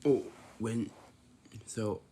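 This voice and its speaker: A man's voice: on the low side, steady tone, very slow, warm tone. A man in his twenties talking casually to the camera, repeating himself and answering his own questions. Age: 20s. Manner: repetitive, asks himself questions and answers them.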